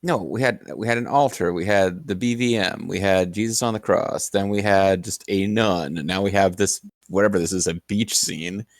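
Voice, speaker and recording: A man's voice: low-pitched, normal speed, few pauses, no echo, studio quality. A man giving casual gameplay commentary with sarcastic jokes and frequent laughter. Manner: sarcastic, joking, laughs often. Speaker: co-host of a gameplay video.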